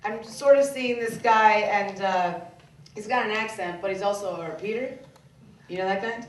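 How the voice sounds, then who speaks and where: A young woman from Michigan performing a stand-up comedy set in a club, playful and animated, slipping into voices of other people. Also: medium pitch, moderate pace. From Michigan, USA. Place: comedy club stage before a laughing audience. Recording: roomy, distant club recording with noise.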